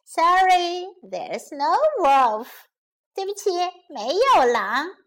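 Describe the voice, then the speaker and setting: A woman's voice: high voice, sing-song, exaggerated voice. A woman doing a mischievous shepherd boy. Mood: apologetic. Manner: slow, drawn-out bilingual lines, shouting in mock panic.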